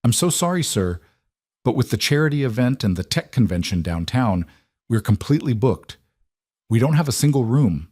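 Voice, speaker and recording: A man voicing a nervous young male hotel clerk who squeaks and stammers. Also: normal speed, a little mellow, dry recording, studio quality, close to an everyday voice. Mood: flustered.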